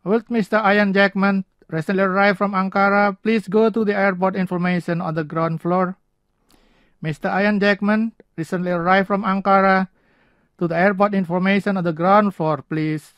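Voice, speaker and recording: A man's voice: high voice, fairly even intonation, moderate pace, dry recording, highs cut off, close to an everyday voice. A man playing a formal airport announcer reading scripted paging announcements.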